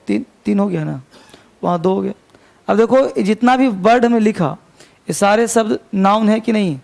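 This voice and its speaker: Male grammar teacher, high gravelly voice, dictates definitions slowly, quizzes the class. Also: darkish tone. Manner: asks students rhetorical check questions. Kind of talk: classroom lecture.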